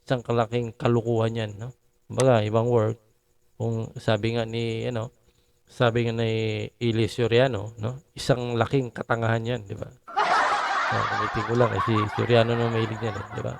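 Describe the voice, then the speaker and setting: Gravelly man ranting casually. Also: mid-range voice, slight background noise. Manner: rambling, opinionated, frequent tag "no?". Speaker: political commentary vlogger. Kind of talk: casual political commentary.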